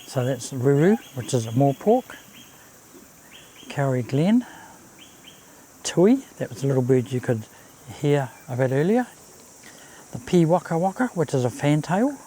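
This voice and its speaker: A man gives casual, unhurried commentary on a nature walk, outdoors by a babbling creek. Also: mid-range voice, very animated, mellow. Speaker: walking vlog host. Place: outdoors on a bush walkway and swing bridge by a creek. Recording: outdoor ambience, faint insect noise. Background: cicadas, birds, babbling creek.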